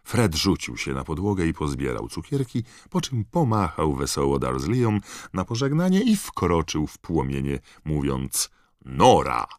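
A man narrating an audiobook in expressive storytelling style. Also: very deep voice, moderate pace, no room sound, clean studio sound. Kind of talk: scripted narration.

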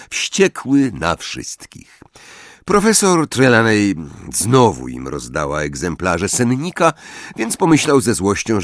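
Lively, low-voiced male audiobook narrator. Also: no echo, studio quality. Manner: expressive, acts out all the characters. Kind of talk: scripted narration of a novel.

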